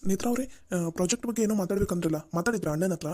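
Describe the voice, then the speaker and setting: Cartoon young man, office pal, mellow warm tone, rambling nerves, plain voice. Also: mid-range voice, rapid-fire, lightly acted. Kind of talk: cartoon voice acting.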